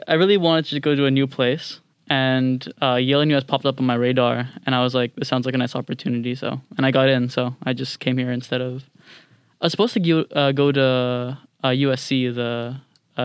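A young adult man with a standard American accent chats casually as a podcast guest, teasing himself a little. He is an international student from several countries across Latin America, Asia, Europe and the US. His mid-range voice is flat, smooth and a little fast, recorded cleanly in a studio with no echo.

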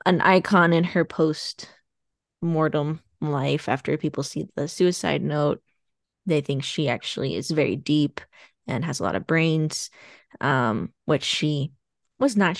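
With a low voice marked by vocal fry, this woman co-hosts a podcast and chats casually, rambling through a plot with plenty of fillers and laughter. The studio sound is clean and echo-free.

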